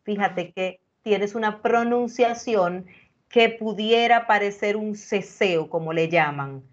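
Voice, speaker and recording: A woman's voice: medium pitch, takes it slowly, highs cut off. A woman speech coach giving direct, explanatory feedback to a participant in a live online workshop. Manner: explanatory, addresses listener directly, reassuring. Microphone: video call.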